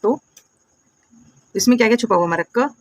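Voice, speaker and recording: Higher-voiced woman teaching phonics. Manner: asks questions and answers them herself, repeats words slowly; patient, calls viewers "my dear friends" and "beta". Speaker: English teacher. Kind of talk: classroom phonics lesson.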